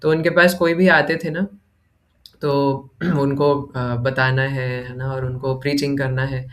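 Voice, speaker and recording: A man's voice: mid-range voice, steady tone, unhurried. A man teaching a devotional scripture class in a conversational way, mixing in English words, reciting verses and often checking in with listeners. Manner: keeps asking "है ना?" as a tag question.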